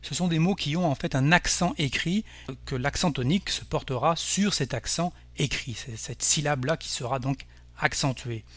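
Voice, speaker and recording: A man teaching a language lesson, explaining rules slowly and carefully with example words. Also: a little high. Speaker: Spanish teacher. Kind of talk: scripted language lesson narration.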